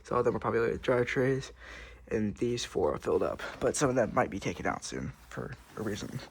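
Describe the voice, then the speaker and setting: A man's voice: on the low side, sing-song, fairly quick, gravelly, slight background noise. A man narrating casually to himself as he installs hardware, breathing hard. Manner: muttering to himself while working. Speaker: tech vlogger.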